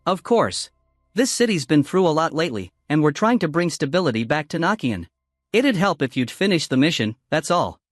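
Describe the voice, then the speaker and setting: A man voicing a scheming male official who speaks with a forced, measured calm. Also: fairly high pitch, dry recording, clean studio sound, soft background music. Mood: guarded.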